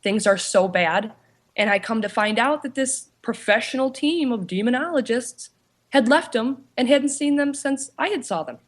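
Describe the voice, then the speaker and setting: With a high voice, this woman, an author and paranormal investigator, shares her story in an informal interview. She keeps breaking off with "you know" and starting sentences over.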